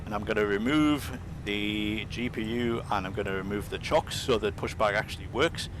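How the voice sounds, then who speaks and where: A man giving a casual, explanatory software demonstration as its presenter. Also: normal speed. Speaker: presenter of a flight simulator demonstration. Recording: rumbling engine noise behind. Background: simulator aircraft rumble.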